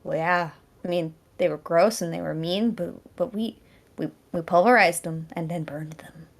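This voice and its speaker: A woman's voice: high-pitched, moderate pace, a little mellow, voice pushed up, natural voice. A woman voicing a bubbly, flustered young parcel officer who gushes and rambles. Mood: matter-of-fact.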